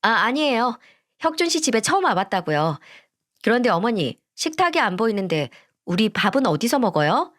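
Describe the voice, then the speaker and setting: A woman's voice: on the high side, very animated, normal speed. A woman doing a snobbish young fiancée. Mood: haughty. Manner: sweet on the surface, dismissive and sharp underneath. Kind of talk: storybook voice acting.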